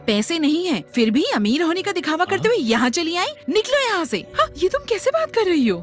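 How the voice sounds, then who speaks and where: A woman's voice: sits high, animated, brisk, faint music behind. A woman voicing a snobbish shop saleswoman who talks down to customers, in a dubbed drama. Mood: snooty. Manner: contemptuous, mocking. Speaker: voice actor. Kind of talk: Hindi dub acting.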